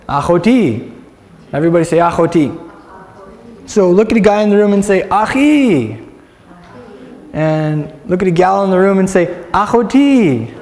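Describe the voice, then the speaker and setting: A man with a fairly high voice gives an informal Bible teaching, chatty and upbeat, and has the listeners repeat words after him. He is recorded in a room with a long, echoing reverb around his voice. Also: a little mellow. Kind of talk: casual interactive Bible teaching.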